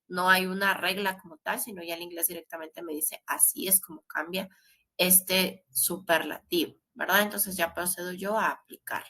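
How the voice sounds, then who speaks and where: A woman's voice: fairly low pitch, bright, forceful tone. A woman teaching English grammar in a recorded class. She explains step by step and often adds a questioning tag.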